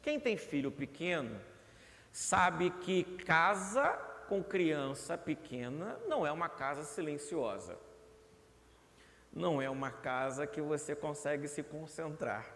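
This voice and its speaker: A young man with a Brazilian accent preaches in earnest, often repeating a word to drive it home. His voice sits fairly high for a man. The long reverb of a church hall trails after each phrase. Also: lively intonation, takes it slowly, fairly bright tone. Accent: Brazilian Portuguese. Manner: earnest, repeats words for emphasis. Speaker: pastor. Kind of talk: sermon.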